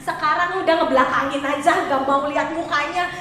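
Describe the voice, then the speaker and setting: A woman pastor giving a chatty, expressive sermon and asking her congregation questions. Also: high-pitched, a little fast. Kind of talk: conversational sermon. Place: church hall. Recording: echoey church hall, mic far off.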